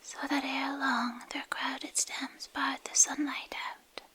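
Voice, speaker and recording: A woman reads a literary fantasy story as ASMR in a breathy, intimate whisper, hushed and pausing between short phrases, close to a binaural microphone. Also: high voice, level tone. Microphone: close binaural microphone, ear to ear.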